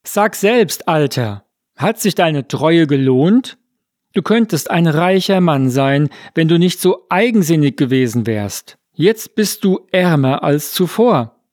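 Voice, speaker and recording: A man doing excited lamenting villagers. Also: a little high, slow, no room sound, clean studio sound. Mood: agitated. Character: agitated crowd of village folk.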